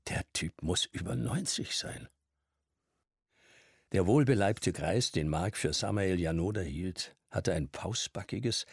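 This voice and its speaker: A man narrating a novel as an audiobook reader, telling the story in an expressive way. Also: sits low, gravelly, slightly rough, no echo, studio quality.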